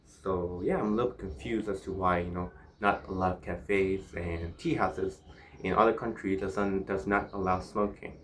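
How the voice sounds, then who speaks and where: A man from Myanmar chatting casually in a solo vlog, musing in a halting way with pauses. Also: deep voice, steady tone, a bit bright, slight background noise. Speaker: vlogger.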